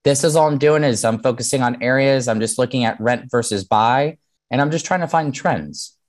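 A man in his thirties, a mortgage lender, teaches a webinar over a video call at medium pitch and a moderate pace. He explains things plainly and conversationally, with frequent "um"s and check-ins of "right?"

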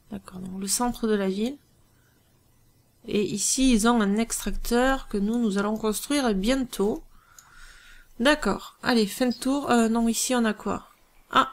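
Slow gravelly woman commenting a game. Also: on the high side. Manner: musing, hesitant, lots of filler pauses. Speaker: let's play host. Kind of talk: gameplay commentary thinking aloud.

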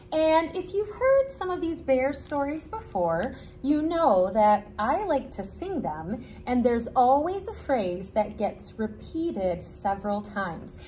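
A woman reading a picture book aloud to children, singing much of the story to a simple melody in a gentle manner. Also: high voice, a little hiss or hum, rough recording.

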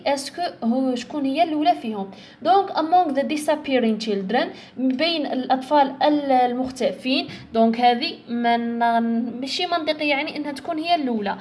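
A young woman with an Algerian Arabic accent, explaining an English exam step by step and slowly sounding out English words to show where the stress falls. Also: sits high, a little mellow. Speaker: English tutor. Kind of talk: exam-prep lesson.

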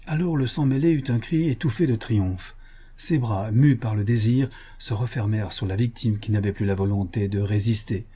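Male audiobook narrator, dark mellow tone, steady storytelling. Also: lowish voice, husky. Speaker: audiobook reader.

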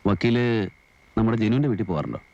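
An actor playing a brooding male convict out on parole who speaks in a low-key, wistful way. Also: lively intonation, fast talker, vocal fry, darkish tone, highs cut off.

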